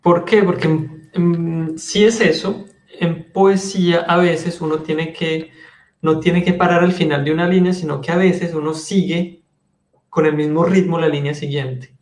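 A man with a Colombian accent teaching French in an online class, patiently explaining and slowly modeling the French sounds. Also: on the high side, fairly even intonation, darkish tone, roomy sound.

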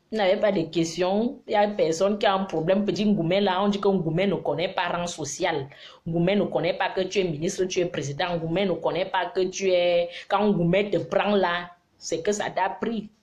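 A middle-aged woman, giving casual advice on a live stream in an animated, preachy but teasing way. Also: lowish voice, unhurried. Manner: animated, preachy and teasing, mixing scolding with affection.

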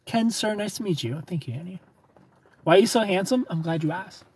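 His voice sits high, fairly quick, slightly mellow, and husky. The man, in his thirties, sits in his car at night under neon lights, casually live-streaming, reading comments and laughing often into his close-held phone.

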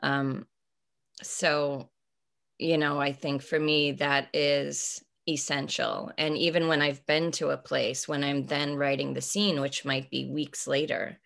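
A woman in her forties, an author, answers interview questions over a video call from a bookshelf-lined room at home, searching for words thoughtfully with many fillers and restarts. Her voice sits low with little pitch movement, a slow pace, vocal fry and a fairly bright tone, captured by a webcam mic.

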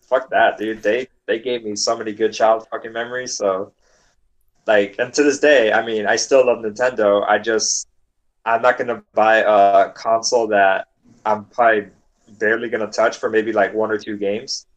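A young man with a fairly low voice co-hosts a gaming podcast, talking in a loose, laid-back way. He swears freely and rambles through his stories. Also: little pitch movement, normal speed, dull audio. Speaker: podcast co-host. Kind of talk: casual gaming chat.

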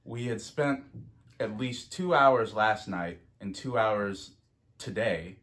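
A man's voice: fairly low pitch, takes it slowly, a bit bright. A man hosting a casual food-challenge vlog, chatting, laughing and counting down before each bite. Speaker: vlog host.

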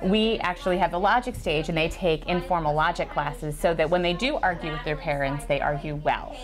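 A woman in her forties, a teacher, giving a school tour and explaining things in a measured, lightly joking way, recorded on a lapel mic in a classroom. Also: low voice, crowd noise. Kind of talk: conversational explanation.

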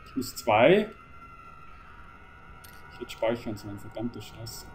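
An excitable man talks his way through a horror game, urging his character on and cursing under pressure. His voice sits at an ordinary middle pitch. Faint game music plays underneath. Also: slow. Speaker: gaming channel host. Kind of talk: horror game let's play commentary.

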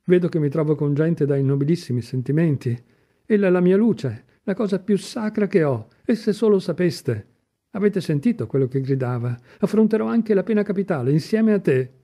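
A man voicing an excitable, impassioned young man in a storybook reading, pleading in exclamatory outbursts. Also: a little high, moderate pace.

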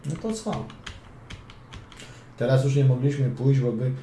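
In a room with noticeable echo and a faint hum, a man coaches chess through a game using a dark-toned, mid-range voice that runs a little slow. He chats playfully, dropping quips and mutters into his casual commentary.

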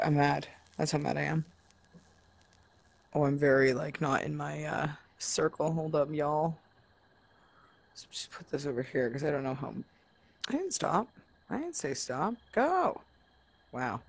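A woman's voice: low-pitched, a little mellow, husky. A woman casually commenting as she plays a VR game, muttering to herself, often swearing and sometimes dropping to a whisper. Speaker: VR game player.

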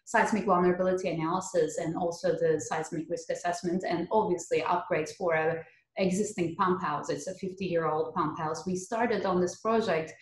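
A geotechnical earthquake engineer from Turkey, a woman in her thirties with a Turkish accent, answers interview questions conversationally as a podcast guest. Her voice is lowish and fairly even at a moderate pace. She's on a video call from her living room using a computer mic, which picks up roomy echo.

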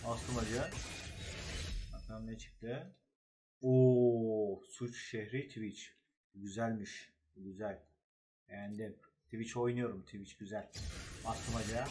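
A man's voice: mid-range voice, a bit bright, slight background noise. A man giving casual gameplay commentary as a gaming YouTuber, talking in short, slangy, reactive remarks.

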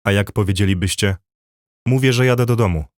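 A man teaching a language lesson, speaking slowly and deliberately and repeating phrases for learners to copy. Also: on the low side, dry recording, studio quality.

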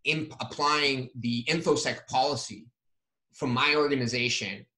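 A man's voice: medium pitch, fairly even intonation, measured pace, pushed and bright. A man in his thirties giving a casual technical talk over a video call from a room at home, with many fillers as he explains. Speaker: guest speaker. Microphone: video call webcam. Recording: roomy webcam audio.

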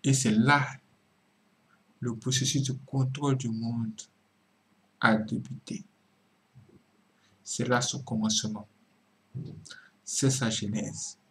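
A man preaching in a video commentary, swinging from emphatic cries down to low murmured asides and repeating words for emphasis. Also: steady tone, takes it slowly, pauses often. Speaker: religious commentator.

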